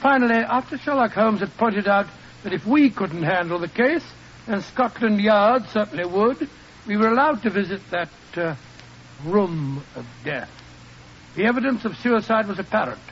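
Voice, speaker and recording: Blustery, high-voiced British Doctor Watson. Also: male voice, expressive, normal speed, fairly bright tone. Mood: earnest recounting. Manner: blustery, indignant, earnest. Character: loyal, bluff English doctor, easily affronted detective's companion. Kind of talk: 1940s radio acting. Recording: muffled, hissy vintage radio recording.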